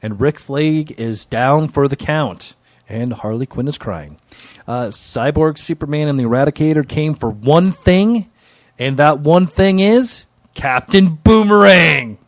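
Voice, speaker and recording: A man's voice: fairly high pitch, lively intonation, measured pace, dry recording. A man co-hosting a comics podcast, recapping issues and giving opinions with hesitant, repeated words. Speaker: podcast co-host. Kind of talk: casual comic book recap.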